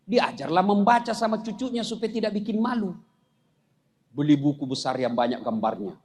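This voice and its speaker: A man preaching a humorous sermon with animated storytelling and jokes. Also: sits high, normal speed. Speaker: Islamic preacher.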